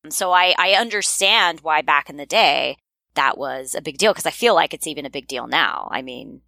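A woman's voice: sits low, lively intonation, moderate pace, gravelly, pushed and bright, no echo. A woman guesting on a podcast, chatting about fandom with an enthusiastic, relatable manner. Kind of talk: casual podcast discussion.

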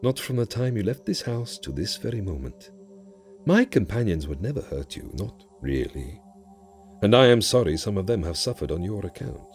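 A man playing a deep, mocking ancient jinn. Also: big pitch swings, a little mellow, faint music behind. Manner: theatrical, teasing, drawn-out pronouncements. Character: ancient male jinn, grand, mocking and cryptic. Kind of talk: audio drama acting.

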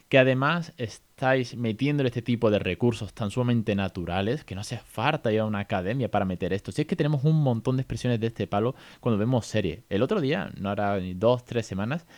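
A man with an accent from Spain hosting a casual podcast lesson for parents, chatty and animated, often tagging his sentences with little questions. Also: fairly low pitch. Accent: Spain Spanish. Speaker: podcast host teaching English to parents.

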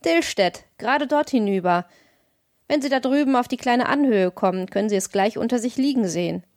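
Woman doing an old forest hunter guy, gruff but kind, folksy blunt talk, audiobook, dry. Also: fairly high pitch, expressive, fairly quick, darkish tone, dry recording. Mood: wary. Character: gruff, good-natured old male forester. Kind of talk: audiobook reading.

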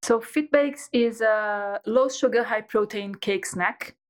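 A Brazilian woman entrepreneur, guesting in a casual interview, tells her story with plenty of fillers and restarts. Her voice is on the high side and she takes it slowly.

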